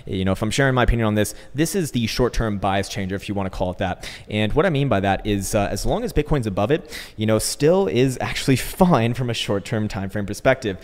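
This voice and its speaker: A man's voice: on the low side, lively intonation, a little fast, few pauses. A man giving casual, rambling market commentary with jokey, coarse slang, recorded in a bare echoey room like a warehouse. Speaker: host of crypto trading channel. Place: indoors, untreated hard-walled room.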